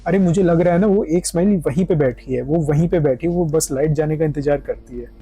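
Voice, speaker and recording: A young Indian man, a gaming streamer, provides casual, excitable gameplay commentary, repeating words in quick bursts and mixing English gaming slang into his speech. His voice sits on the high side with a breathy edge.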